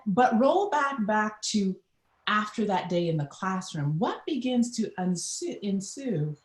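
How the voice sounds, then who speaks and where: A middle-aged woman with a Trinidadian lilt shares a childhood memory in an interview. She talks in an animated way and briefly acts out the voices of people in her story. Her voice has a roomy echo around it. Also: medium pitch. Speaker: guest.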